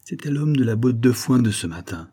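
A man's voice: mid-range voice, animated, a little fast, mellow, breathy edge, pitched above the performer's own voice. A man reading aloud, voicing a sly, scheming male servant with a knowing, evasive manner.

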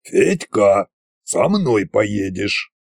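A man voicing an old immortal villain king who speaks in a slow, threatening drawl. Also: on the low side, big pitch swings, vocal fry, slightly rough, no echo, studio quality, heavily acted. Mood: curt.

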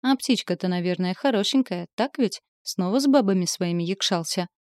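Fiery young half-demon woman, quick-tempered, snappish, mellow tone, dry sound, read by a woman narrator. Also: mid-range voice, no echo, natural voice. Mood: taunting. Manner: snappish, heated.

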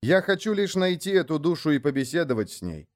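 A man's voice: a little high, big pitch swings, brisk, pitched above the performer's own voice. Man voicing a humble, stubborn shaman. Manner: humble, chanting in a ringing voice. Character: stubborn humble male shaman, calm, chanting.

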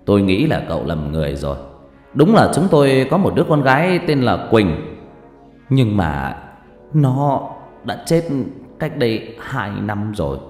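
A man's voice: fairly low pitch, very animated, measured pace, a little mellow. A man voicing a stingy, secretive old rich man who talks bluntly and stammers when shaken. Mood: gruff. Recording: echoey hall with faint music.

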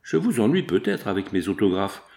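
A man reading aloud, voicing a cunning blackmailer who speaks calmly and mockingly. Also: on the low side, a little fast. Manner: calm, quietly mocking. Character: cunning, mocking male blackmailer, calm and smooth.

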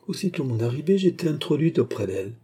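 A cunning young countess, coy and composed, quietly sure of her advantage, as a male narrator reads her part. The voice is husky and mellow, with a slightly raised pitch. It is storybook reading rather than a full performance. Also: sing-song, quick pace. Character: cunning, self-assured young woman, a scheming countess.

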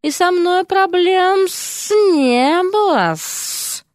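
A woman voicing a haughty snake-woman professor who hisses and drags her words out slowly. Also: very high voice, lively intonation, dry recording, clean studio sound, voice pushed up, full character voice. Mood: hissing. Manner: hissing, slow and drawn out.

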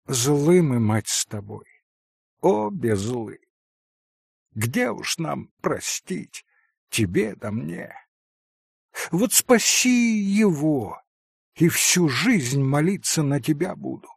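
A man reading an audiobook voices a spiteful young woman with a slow, poisonous delivery. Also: medium pitch, very animated, no room sound, clean studio sound, pitched above the performer's own voice, full character voice. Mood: venomous.

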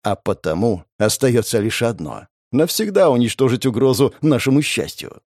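A man's voice: medium pitch, lively intonation, normal speed, darkish tone, no echo, studio quality, natural voice. A man doing a mocking, menacing young hero. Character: young male gamer hero turned menacing, grinning.

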